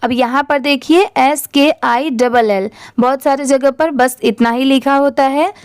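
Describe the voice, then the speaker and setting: Woman teacher, dry close sound, slow patient lesson, letters spelled then blended. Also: high voice, no room sound. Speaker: English teacher.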